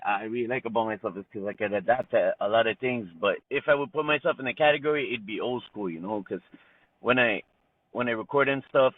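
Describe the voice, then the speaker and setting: A rapper from Montreal, Canada, talks casually as an interview guest, laid-back and heavy on slang like "you know," "man," and "bro." His voice is fairly low, heard over a tinny, phone-like call line with no echo.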